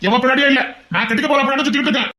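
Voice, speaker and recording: An actor playing a lovesick son in his twenties, who refuses an arranged marriage in a low, subdued, stubborn voice. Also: very fast, sharp tone. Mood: stubborn, pleading. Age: 20s. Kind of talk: amateur audio drama.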